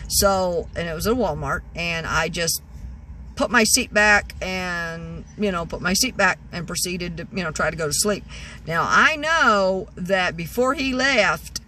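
Her voice sits on the low side, with a measured pace and a sharp edge, as this vlogger in her sixties tells a wandering story from the driver's seat of her parked car. Fillers, restarts and "you know"s abound, and the arm's-length phone recording carries a faint hiss or hum.

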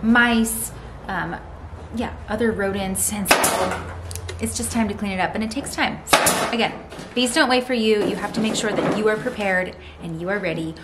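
A woman's voice: medium pitch, normal speed. A woman in her thirties chatting casually as she explains how to clean old beehive frames while working in a large barn. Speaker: homesteading vlogger. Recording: loud background noise.

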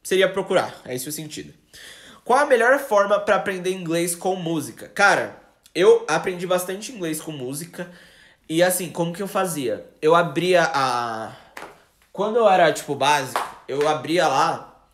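Brazilian male English teacher, chatty live-stream voice, slightly high, roomy echo. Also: animated, a bit bright. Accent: Brazilian Portuguese. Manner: chatty, switches into slow English examples.

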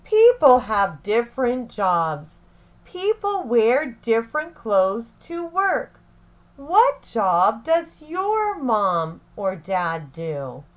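Phrase by phrase, a female teacher reads aloud to young kids in an expressive picture-book manner. Her voice is a little high.

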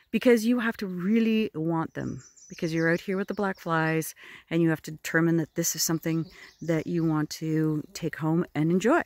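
Birdsong surrounds a gentle woman with a fairly low voice as she shows off her land as a forager, walking through spring woods beside a river. Her casual how-to narration is admiring and unhurried, captured on a phone camera held at arm's length.

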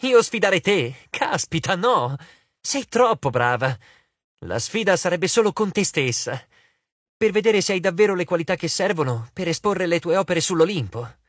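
A clever, determined teenage girl, as a male narrator reads her, coaxing and persuasive. Her voice sits a little high and moves lively through each line. This is a storybook reading in a dry room. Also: normal speed, dry recording.

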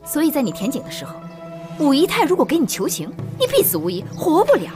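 A woman's voice: high-pitched, huge pitch swings. An actress playing a teasing, sarcastic second concubine in a period TV drama, with music behind her. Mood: knowing. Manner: teasing, sarcastic, quick to explain schemes. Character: sharp-tongued scheming second concubine, woman. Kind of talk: Chinese period TV drama, dubbed dialogue.

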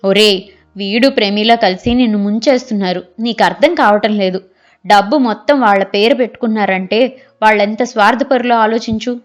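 A woman's voice: medium pitch, moderate pace, natural voice. A woman voicing an older mother who earnestly pleads with her son in a storybook reading. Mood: scolding.

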